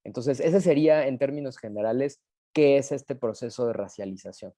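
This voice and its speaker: A Mexican-accented man explains his ideas, often tagging "¿no?" and pausing with fillers. His voice is dark and mellow, and the sound is dry and close. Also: medium pitch, no room sound. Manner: many fillers, rhetorical questions. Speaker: panelist. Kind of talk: explanatory talk. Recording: online live talk.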